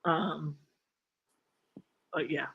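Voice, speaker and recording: A woman chatting casually as a livestream guest, relaxed and laughing easily. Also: low voice, very slow, gravelly, slightly rough, narrow, tinny audio. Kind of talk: casual chat.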